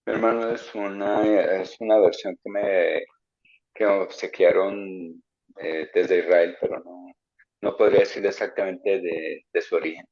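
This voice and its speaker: Male class member, low voice, halting reply, muffled remote audio. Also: fairly even intonation, a little mellow. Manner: hesitant, halting. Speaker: student in the class. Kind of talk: casual answer in a class.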